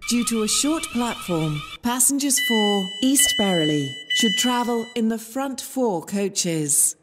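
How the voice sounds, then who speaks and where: Woman, train station loudspeaker announcement, slow measured delivery, long reverberant hall. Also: a little high, lively intonation, loud music behind the voice. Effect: train station platform loudspeaker announcement. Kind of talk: automated public announcement.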